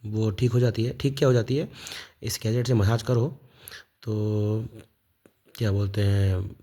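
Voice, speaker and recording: Man, 30s, from India; soft warm tone, rambling off-the-cuff monologue, lots of fillers and restarts. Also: on the low side, steady tone, a little slow. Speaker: vlogger. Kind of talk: casual spoken monologue.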